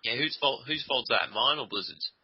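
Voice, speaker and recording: A man's voice: medium pitch, normal speed, breathy edge, dry recording. A man casually chatting and teasing his co-host while they play a game together at his computer, swearing freely. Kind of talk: casual gaming chat. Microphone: desk microphone. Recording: dull lo-fi dry sound.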